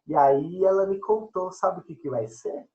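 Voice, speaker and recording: A man's voice: high voice, normal speed, a little mellow, muffled recording. A man teacher chatting casually and joking with his students during an online class.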